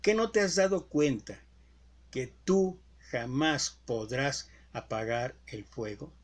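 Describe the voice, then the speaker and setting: A man's voice: mid-range voice, expressive, takes it slowly. A male preacher voicing a mocking, ironic male elephant in a spoken fable.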